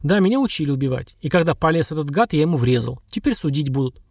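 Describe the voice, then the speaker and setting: A man's voice: on the high side, lively intonation, quick pace, a little mellow, breathy edge, dry recording, clean studio sound. A man voicing a young ex-soldier in a wheelchair in an audiobook, bitter and blunt, then sorry. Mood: remorseful. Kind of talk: audiobook dialogue.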